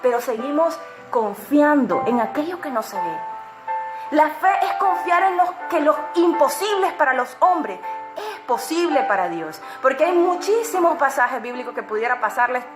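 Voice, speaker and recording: A woman delivers a devotional message with a high voice. She speaks earnestly and exhorts her listeners, repeating key phrases for emphasis. Music plays clearly beneath her words. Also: sing-song, moderate pace. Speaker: preacher. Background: music playing underneath.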